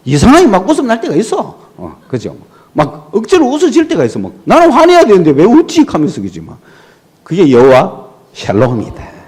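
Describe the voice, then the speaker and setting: Lively high-voiced pastor preaching. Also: male voice, fairly quick. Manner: animated storytelling, rhetorical questions to the congregation. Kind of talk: sermon.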